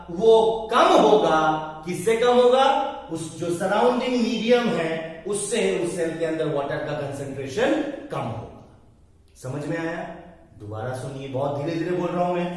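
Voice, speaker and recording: Guy teaching a class, really high voice, slow and deliberate, keeps asking if it's clear, sounds far off in a big echoey room. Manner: checks understanding constantly, spells out English phrases word by word. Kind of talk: classroom lecture.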